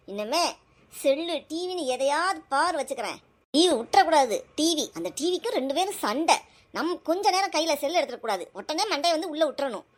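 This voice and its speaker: High-voiced scolding mother. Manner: scolding, nagging, loud and rapid. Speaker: mother in a family skit. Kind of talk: scripted family skit.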